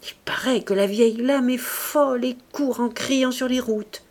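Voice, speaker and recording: A woman voicing a shaken elderly village mayor who passes on dreadful news in a hushed whisper. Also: very high-pitched, fairly even intonation, measured pace, pitched above the performer's own voice. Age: older.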